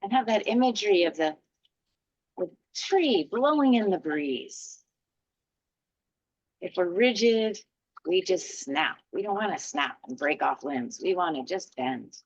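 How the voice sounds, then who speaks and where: Woman qigong teacher, gentle and soothing, lowish voice, dry muffled recording. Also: big pitch swings, a little slow, breathy edge, no room sound. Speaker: qigong instructor. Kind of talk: guided qigong class.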